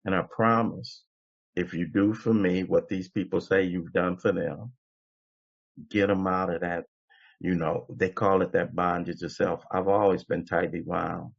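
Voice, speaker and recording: Gravelly and a bit breathy, this low male voice keeps a flat, measured pace. He is in his seventies and speaks as a guest at a recovery meeting, offering an impassioned, preacher-like testimony full of repeated phrases. It comes through as a dull lo-fi recording.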